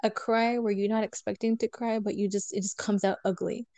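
Woman telling a candid story, mellow tone. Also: mid-range voice, little pitch movement, brisk, no room sound. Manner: candid storyteller, acts out quoted dialogue. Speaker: guest telling a personal story. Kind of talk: casual podcast chat.

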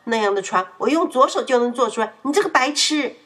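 A woman voicing a boastful young boy in a children's story, who talks loudly and brags. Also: medium pitch, very animated, normal speed, breathy edge. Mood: shouting. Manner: bragging, loud.

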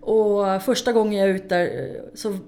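A woman, a guest in an interview, telling lively stories about racing her car, swearing freely and laughing along the way. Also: medium pitch, creaky, a little hiss or hum. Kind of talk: casual interview storytelling.

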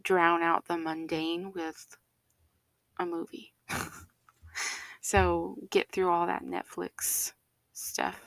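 A woman's voice: on the low side, little pitch movement, takes it slowly, vocal fry, long pauses, a bit bright, no echo. A woman co-hosting a podcast in casual chat, talking chattily with laughs and playful drops to a whisper. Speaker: podcast co-host.

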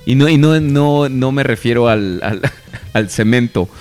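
A man's voice: mid-range voice, a little slow, darkish tone, faint music behind. A man with a Mexican accent co-hosting a podcast in casual chat, telling jokes and laughing often. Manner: joking storyteller, laughs often. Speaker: podcast co-host.

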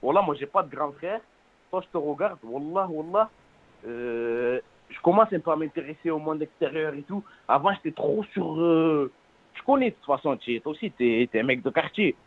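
A man in his twenties with a French suburban accent calls in by phone, chatting in street slang in an earnest, halting way, repeating oaths and words. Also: a little high, animated. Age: 20s. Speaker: phone-in caller. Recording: narrow, tinny phone-line sound.

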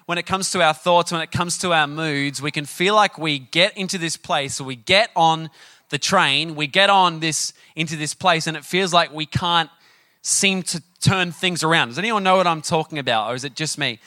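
This is a middle-aged pastor's sermon, delivered at a moderate pace in a fairly high voice. He's chatty and animated, weaving in personal stories and regularly asking the audience questions, on a dry recording.

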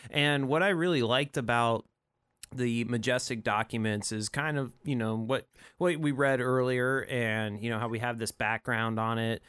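A relaxed man co-hosting a podcast. He slips in jokes and talks in an easygoing way at a middle pitch. The sound is dry and close to the mic. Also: moderate pace, smooth, dry recording. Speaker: podcast co-host. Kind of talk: casual podcast chat.

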